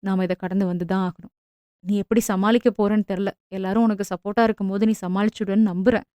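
A woman voicing a young army officer husband, tender but firm, speaking softly and gently. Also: flat delivery, normal speed, dry recording, lightly acted. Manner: soft, low and gentle, teasing at times.

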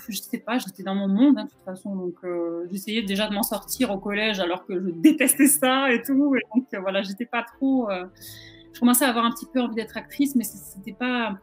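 Young woman, casual interviewee on a video call, medium pitch, music underneath. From southern France. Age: young adult. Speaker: interviewed actress. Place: indoor room at home, video call. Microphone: video call microphone.

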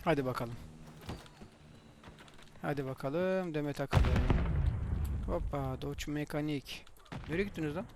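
A man commenting on his own shooter game as he plays, excitable, swearing and yelling at enemies. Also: on the high side, a little slow, pauses often, very noisy. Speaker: gamer playing a shooter. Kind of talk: live gameplay commentary. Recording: game gunfire under the voice. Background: gunfire and explosions from the game.

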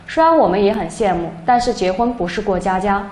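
A young woman narrating a first-person story in a plain, steady way. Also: medium pitch, fairly quick. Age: young adult. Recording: echoey room, faint background noise.

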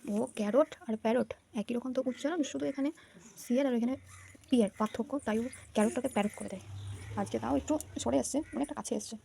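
Young mom vlogging at home, gravelly voice, keeps repeating words for her little kid. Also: fairly high pitch, brisk, mellow. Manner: coaxing, repeats words for a small child. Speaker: mother and vlogger. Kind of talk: home vlog, coaching a toddler.

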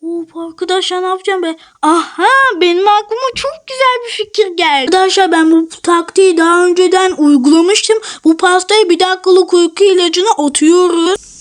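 A gaming host with a very high, youthful-sounding voice gives chatty play-by-play commentary. The host keeps turning to address viewers directly. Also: moderate pace.

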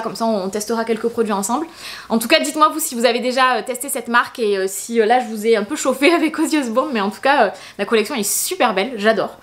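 A young woman from France, chatting casually and enthusiastically as she unboxes beauty products for her vlog. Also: a little high. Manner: chatty and enthusiastic, many fillers and little exclamations. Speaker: beauty vlogger.

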